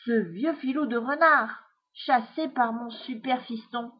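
A woman's voice: fairly high pitch, measured pace, breathy edge. Stern hamster dad, read by a woman. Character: hamster father, gruff bandit, proud. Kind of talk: storybook reading. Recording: dull lo-fi recording.

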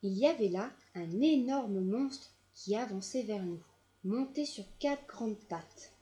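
A woman reading a children's audiobook aloud in a gentle, measured storytelling manner. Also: mid-range voice, animated. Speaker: storybook narrator.

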